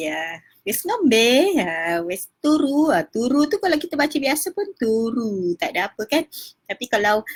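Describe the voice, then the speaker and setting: A woman's voice: mid-range voice, husky. A middle-aged woman with a Johor Malay accent, chatting casually as she teaches simple words, laughing often and stretching out sounds to show how they go. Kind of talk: casual home video lesson.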